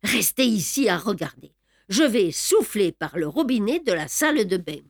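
A cheerful, unflappable middle-aged plumber in an audiobook, talking through the job in a matter-of-fact, upbeat way, as a woman reader puts him on. The voice sits a little higher and brighter than the narration around it. The recording is dry and close. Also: very animated, moderate pace, no echo. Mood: businesslike.

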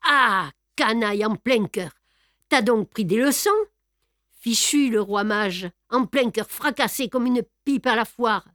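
A woman reading aloud and voicing a proud, boastful male gentleman thief in a storybook. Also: fairly high pitch, measured pace, no echo, clean studio sound. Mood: mocking. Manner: grandiose, boastful, then hushed and tender. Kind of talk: audiobook reading.

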